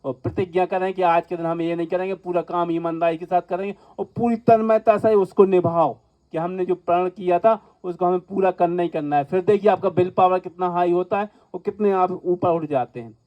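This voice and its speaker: Man in the role of a spiritual teacher, lecturing a class, earnest and instructive, slightly high voice, muffled lo-fi recording. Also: steady tone, fairly quick. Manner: earnest, instructive, with stories and repeated emphasis.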